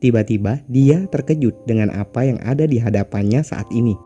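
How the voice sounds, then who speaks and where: Dark-voiced man narrating a comic recap. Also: mid-range voice, normal speed, dull audio. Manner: explanatory asides to listeners. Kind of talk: casual story recap narration.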